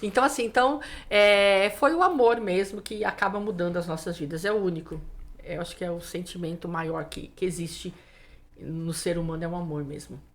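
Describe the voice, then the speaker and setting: Speaking fairly quickly in a fairly low voice, this woman pastor gives her testimony as a guest in a casual interview. She plays out the conversations with animated storytelling, dropping "né" again and again.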